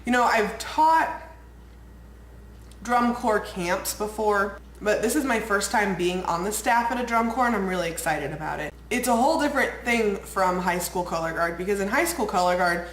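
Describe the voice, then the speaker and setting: A young woman vlogs casually, rambling in a bubbly way and using "like" a lot, her voice a little nasal and congested from a cold. She's animated, medium-pitched, and talks at a moderate pace, with echo from the room and faint ambient noise.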